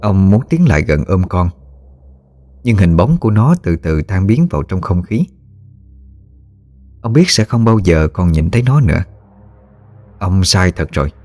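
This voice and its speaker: A man reads a ghost story aloud in a measured, somber voice. His voice is very low and deep, and he keeps a steady storytelling pace. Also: soft background music. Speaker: narrator. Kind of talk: scripted horror story narration.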